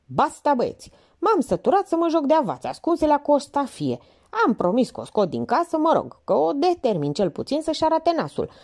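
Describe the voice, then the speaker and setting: Woman reading as a bossy storybook policewoman, loud and scolding, high and animated. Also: heavily acted. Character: bossy sharp-tongued woman police officer.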